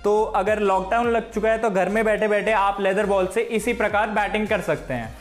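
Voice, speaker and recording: A young man walks viewers through cricket drills at home, in a friendly, instructive way. He speaks to a camera set across the room. Soft music plays behind him. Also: sits high, normal speed. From Haryana, India. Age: young adult. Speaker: cricket coach.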